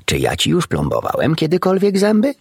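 Man voicing a calm, kindly animal doctor. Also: a little high, fairly quick, breathy edge, no echo, clean studio sound, pitched above the performer's own voice, heavily acted. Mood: gentle. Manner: calm, reassuring, gentle. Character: kindly, unflappable old country doctor.

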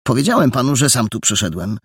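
A man's voice: mid-range voice, sing-song, quick pace, fairly bright tone, husky, dry recording, studio quality, pitched above the performer's own voice, heavily acted. A man voicing a frightened but defiant young boy detective who answers back stubbornly in a storybook reading.

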